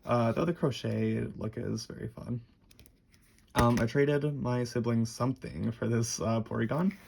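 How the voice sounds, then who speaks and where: A young man with a lisp and a husky, creaky voice, rambling and halting through a casual, sweary show-and-tell. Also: medium pitch, steady tone, darkish tone, slight background noise. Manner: rambling, halting, enthusiastic wording. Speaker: card collector presenting a collection.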